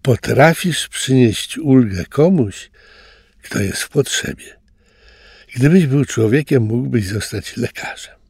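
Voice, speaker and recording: A man voicing a calm, kind mother tapir in a storybook, speaking softly. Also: medium pitch, takes it slowly, gravelly, breathy edge, no room sound, full character voice. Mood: warm.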